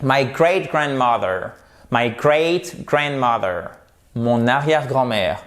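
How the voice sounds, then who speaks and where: Male English teacher from France, very slow deliberate delivery, drills words with friendly asides. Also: medium pitch, expressive, a bit bright. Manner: slow, drawn-out pronunciation drills, chatty asides. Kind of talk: language lesson to camera.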